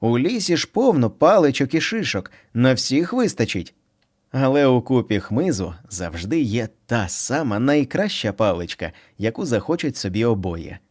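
A man narrating a children's storybook in an expressive, playful reading. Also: medium pitch, normal speed.

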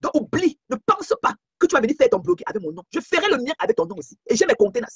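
A woman's voice: sits high, big pitch swings, rapid-fire, no echo, dull audio. A woman hosting a live stream on her phone, talking in an emphatic, scolding way. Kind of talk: casual live-stream chat.

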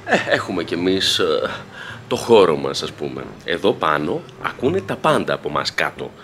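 On his way to the control room at a TV station, a video editor vlogs his workday, chatting casually to a handheld camera with playful, joking remarks. His low, sing-song voice has a fairly bright tone over slight background noise.

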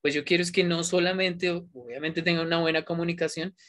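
A teacher speaks at a middle pitch in a coaxing, encouraging way, switching between Spanish and English. Words get repeated for emphasis as the teacher talks to students in an online class. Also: steady tone, brisk, fairly bright tone.

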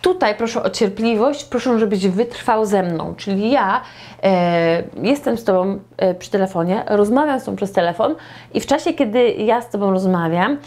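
A woman with a Polish accent teaching English phrases, modelling each one slowly and deliberately. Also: mid-range voice, expressive, darkish tone.

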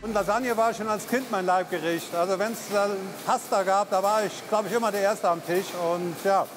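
A man in his fifties from the Eifel who heads a lasagna factory, explaining the production line in a relaxed way with fillers. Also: high-pitched, moderate pace. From Eifel region, Germany. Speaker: factory head. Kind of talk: on-site interview. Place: large food factory floor. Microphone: lapel mic. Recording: music underneath.

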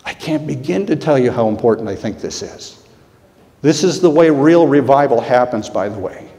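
A middle-aged man preaches from the pulpit in a mellow, warm voice. He speaks earnestly and from the heart, circling back to repeat his main points. His words ring out with the long reverb of a church sanctuary. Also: medium pitch, animated, moderate pace. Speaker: pastor. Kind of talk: sermon.

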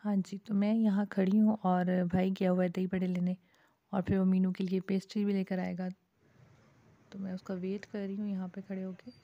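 In a dark, mid-range voice with flat delivery and normal pacing, a Pakistani woman vlogs chattily from a night bazaar and then from home. She frequently calls her viewers "ji." Faint street noise comes through the dull, lo-fi phone audio.

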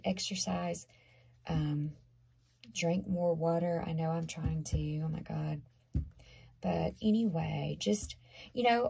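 A woman with a Southern US accent doing a chatty, emphatic tarot reading, hoarse from losing her voice. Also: on the low side, warm tone. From Southern United States. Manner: chatty, emphatic, repeats herself. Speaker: tarot reader. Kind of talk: casual tarot reading to camera.

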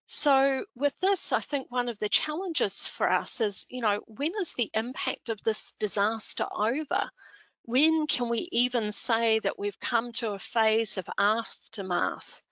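An older woman with a New Zealand Kiwi accent, giving a measured, explanatory presentation into a headset on a video call. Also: fairly high pitch, fairly bright tone, dry recording. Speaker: speaker on disaster chaplaincy. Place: indoor room.

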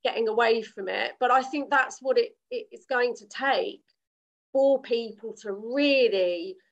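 A woman's voice: on the high side, measured pace, highs cut off. A woman co-hosting an earnest casual discussion over a video call, speaking emphatically with frequent restarts. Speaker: co-host.

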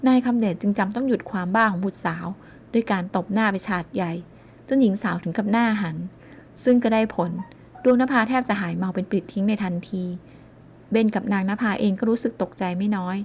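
A woman narrating a novel as an audiobook. Her reading is measured and even, at a middle pitch. It is scripted storytelling. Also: slight background noise.

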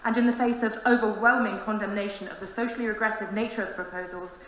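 Speaking in a medium-pitched, sharp voice, a student union president in her twenties delivers a formal, earnest prepared speech at a council meeting. The large meeting room is very echoey, with a little background noise.

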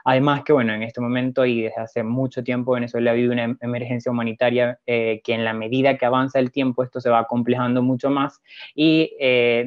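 A man's voice: medium pitch, no echo. Dull, dry voice-over of a hesitant man. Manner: measured, hesitant, with pauses and fillers. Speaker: presenter. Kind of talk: narrated slide presentation.

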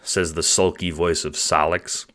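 A man's voice: deep voice, little pitch movement, measured pace, fairly bright tone. A man narrating a scripted audio drama in the second person, with a descriptive storytelling manner.

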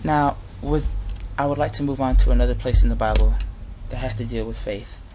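A young adult man giving an informal sermon with Bible readings, speaking earnestly and a little haltingly. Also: medium pitch, fairly even intonation, background noise. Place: inside a garage. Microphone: device camera at close range.

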